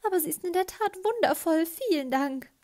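A fussy old knitting lady, flustered and fluttering in a high, strained voice, as a woman reading aloud acts her out. She sounds prim and a little breathless about her patterns. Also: expressive, a little fast, a little mellow. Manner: stammering, fussy.

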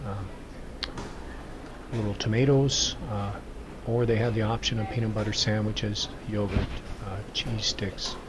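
A man reporter, narrating his day in plain, measured words with frequent pauses. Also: fairly low pitch, steady tone, heavy background noise. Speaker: local news reporter. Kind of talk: recorded voice-over narration.

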